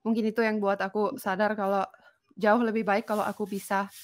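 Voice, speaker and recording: A woman's voice: medium pitch, little pitch movement, brisk. A woman from Finland, a native Finnish speaker, chatting casually as a foreigner speaking fluent, colloquial Indonesian. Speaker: interview guest. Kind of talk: casual chat in a learned language.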